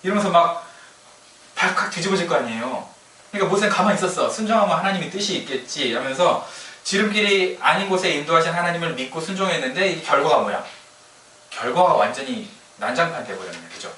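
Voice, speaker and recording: Bright, jokey pastor. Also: male voice, a little high, expressive, fast. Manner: chatty, humorous storytelling with laughs. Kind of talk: sermon. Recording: echoey room from a distance.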